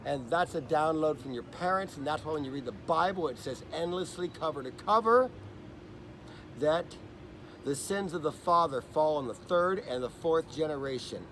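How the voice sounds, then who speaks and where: A man's voice: a little high, normal speed. Intense probing man outdoors, street noise. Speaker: vlogger interviewing a stranger. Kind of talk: casual outdoor conversation. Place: outdoors in a park by traffic. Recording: loud outdoor noise, traffic nearby.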